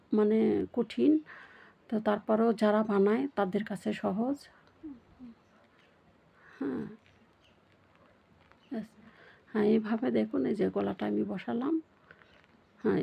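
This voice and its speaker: Woman doing a sewing lesson, husky gravelly voice, lots of um and "okay?". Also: on the high side, dark tone. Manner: hesitant, lots of fillers and check-ins. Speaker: sewing tutor. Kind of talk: casual sewing tutorial.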